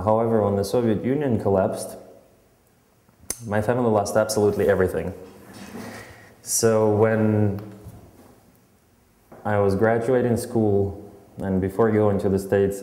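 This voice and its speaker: A young man from Kyrgyzstan telling his life story calmly in a documentary interview, with some fillers. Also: lowish voice. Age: young adult. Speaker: advertising account director.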